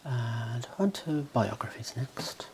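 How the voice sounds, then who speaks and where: A person in an ASMR role-play as a calm librarian, murmuring to themselves in a breathy soft voice while reading things out. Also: medium pitch, slow pace, slight background noise, low-quality recording. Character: calm librarian sorting book orders. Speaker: ASMR performer playing a librarian.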